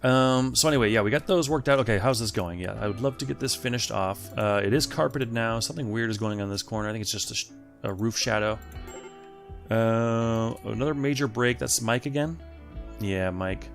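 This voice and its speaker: A man's voice: medium pitch, a little fast, creaky. A man hosting a let's play, thinking aloud and chatting casually to the game's characters as he plays. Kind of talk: casual gameplay commentary. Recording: faint game music behind.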